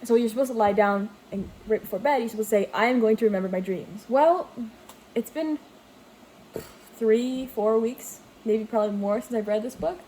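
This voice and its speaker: This young woman from Greece, a book vlogger, has a fairly high-pitched but dark voice and talks at a moderate pace, with a faint hiss or hum. She chats about books she's read in a casual, rambling way, with fillers and self-corrections. A washing machine runs somewhere in her home.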